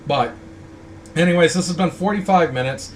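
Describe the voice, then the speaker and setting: A man's voice: a little high, normal speed, slight background noise. A man hosting a casual talk video, rambling in a blunt, indignant way. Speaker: host. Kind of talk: casual ranting chat.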